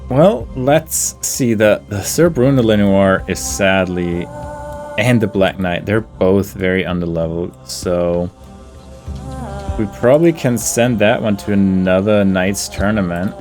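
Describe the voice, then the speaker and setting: A gaming video host with a deep, somewhat mellow voice and a slightly slow pace gives casual commentary while playing, game music running behind him. He deliberates aloud, talking both to himself and to the characters.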